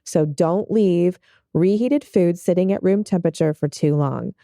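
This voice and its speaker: A woman co-hosting a podcast who walks through food safety tips in a clear, explanatory way. Her voice is very dark and warm, sitting low. The sound is close and dry. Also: moderate pace, no echo. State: married.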